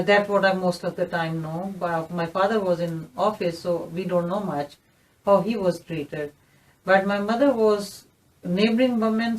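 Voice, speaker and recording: A woman in her fifties with a Pakistani accent, telling her story earnestly as an interview guest. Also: mid-range voice. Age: 50s. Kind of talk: recorded interview testimony. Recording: voice somewhat distant from the mic.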